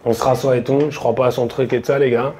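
A man doing stand-up, telling a story in a casual, slangy way to a live audience, quoting his friends in quick asides. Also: mid-range voice, flat delivery, a crowd in the background. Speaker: stand-up comedian. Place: stage before a live audience.

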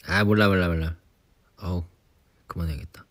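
A young man in his twenties, relaxed and chatty on a sleepy late-night livestream, teasing himself for nagging like an elder. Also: low-pitched, normal speed. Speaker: idol livestream host. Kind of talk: casual livestream chat. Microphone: phone or device mic, voice-only live.

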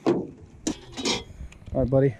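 A man's voice: slow pace, highs cut off, very noisy. A young man chatting casually and joking while fishing from a small boat on a lake, recorded on an action camera. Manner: laid-back, joking, swears freely. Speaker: fishing vlogger.

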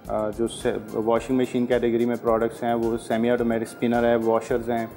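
A man's voice: mid-range voice, completely flat delivery, fairly quick, darkish tone, faint music behind. A man in his thirties, a guest from an appliance brand, explaining products hesitantly with many fillers and mixing in English. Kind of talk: promotional talk on a TV cooking show. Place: TV studio kitchen set. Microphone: lapel.

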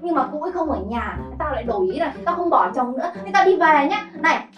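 A brash, gossipy landlord's wife in a slapstick comedy. Her high voice is blunt and coarse. It rings in an echoey room with light music under it. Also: expressive, quick pace, fairly bright tone. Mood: indignant gossiping. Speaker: comic lead.

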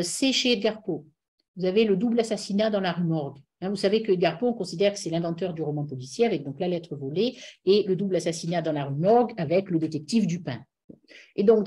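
A woman's voice: mid-range voice, warm tone. A middle-aged woman giving an online lecture on song lyrics over a video call, digressive and full of hesitations. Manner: digressive, many hesitations and fillers.

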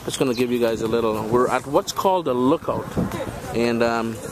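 A man's voice: medium pitch, normal speed, background noise. A man in his forties with a Trinidadian accent, casually narrating a travel vlog outdoors as an upbeat, chatty host. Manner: upbeat, chatty tour-guide talk to viewers. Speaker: food vlogger host. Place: outdoors at a windy beach and lookout. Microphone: handheld camera mic. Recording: outdoor camera audio with loud music behind.

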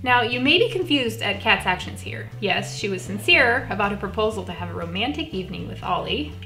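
An actress playing a blunt, hurt friend who also narrates a scripted web series. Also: female voice, mid-range voice, expressive, a little fast, pushed and bright, faint music behind. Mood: wry.

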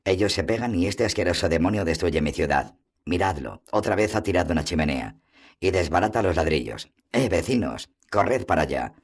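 A fussy, indignant mayor shouts orders in exasperation, as a man reads him from a storybook. The voice runs deep throughout. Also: sing-song, brisk, full character voice. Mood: exasperated.

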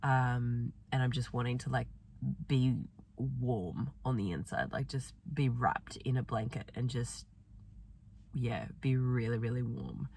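Woman, sore throat, soft meandering diary talk, unhurried, low voice. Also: recorded from a distance, a little hiss or hum. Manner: soft, gentle, meandering, with many fillers. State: sore swollen throat, voice affected. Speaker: vlogger. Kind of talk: reflective personal diary talk.

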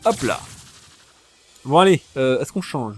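A man giving casual, jokey commentary on a video game while playing, shouting during fights. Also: mid-range voice, big pitch swings, unhurried, soft background music. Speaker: let's play gamer.

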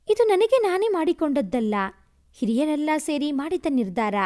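A woman reading a romance story aloud as an expressive, emotional first-person narration. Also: high voice.

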